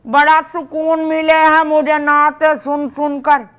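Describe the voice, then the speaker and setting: A woman's voice: high-pitched, flat delivery, slow, a bit bright. An older woman with an old plays a scolding mother in a comedy drama, tossing out proverbs as she talks. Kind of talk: scripted comedy drama dialogue.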